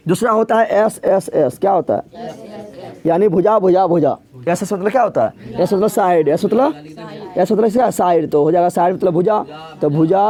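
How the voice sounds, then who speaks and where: A math tutor with a high, mellow voice teaches a live class. He repeats key words three times and has the class echo them back in a call-and-response pattern of questioning.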